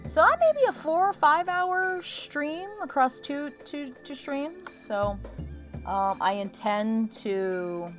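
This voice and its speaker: Hosting an art livestream, this woman speaks slowly in a high, somewhat bright voice with lively intonation. She has a slight lisp from a missing molar, wanders chattily from thought to thought, and cuts herself off often, all over a lo-fi music track.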